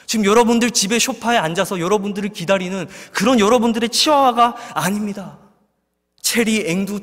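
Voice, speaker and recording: Impassioned preacher in a reverberant church. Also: male voice, sits high, a bit bright. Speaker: pastor. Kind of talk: evening worship sermon. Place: church sanctuary. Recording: long reverb of a large hall.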